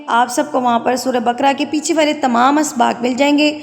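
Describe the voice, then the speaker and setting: High-voiced Pakistani woman teaching recitation. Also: fairly even intonation, big-room sound. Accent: Pakistani Urdu. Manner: slow drawn-out melodic recitation of verses, brisk plain explaining between. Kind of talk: tajweed lesson alternating slow recitation and explanation.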